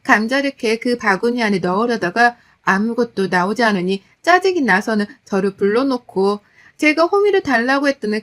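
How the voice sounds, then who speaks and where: Woman narrating a family story. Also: medium pitch. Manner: steady, conversational storytelling with wry exasperation. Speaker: daughter-in-law telling her story.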